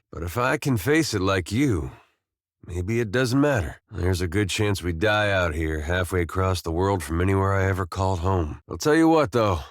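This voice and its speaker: This is companion dialogue from a video game, voiced by a man with a deep voice playing a farmer turned adventurer. He's gentle and loyal with a touch of world-weariness, speaking plainly and folksily with understated, hesitant, dry humor. The recording is very dry.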